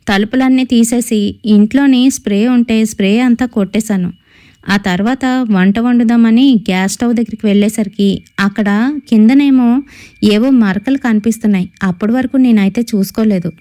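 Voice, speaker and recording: Casting: young woman narrator, slightly high, mellow tone, steady first-person horror storytelling. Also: normal speed. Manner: steady storytelling with quoted dialogue.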